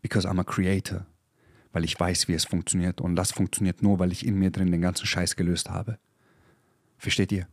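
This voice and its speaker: A man's voice: low voice, flat delivery, a little fast, a little mellow, dry recording, studio quality. A man in his thirties hosting a podcast, giving an intense, preachy motivational monologue with swearing and English phrases mixed in. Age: 30s. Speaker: podcast host. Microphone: podcast microphone.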